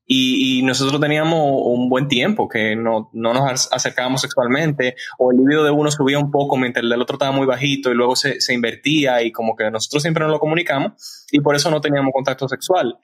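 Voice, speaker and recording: A man's voice: medium pitch, steady tone, fast talker, poor audio. A man hosting a casual podcast, asking questions in a frank, rambling way with many restarts. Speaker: podcast host.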